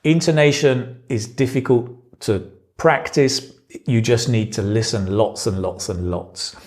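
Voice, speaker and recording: A man teaching a spoken lesson, saying example phrases slowly and clearly. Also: mid-range voice, darkish tone. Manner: slow, clear delivery that models example phrases. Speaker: English speaking-exam teacher.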